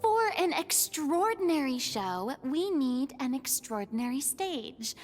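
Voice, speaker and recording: An actress voicing a theatrical, proud young former deity in a video game, talking with dramatic, flustered bluster. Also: female voice, high-pitched, big pitch swings, unhurried, faint music behind.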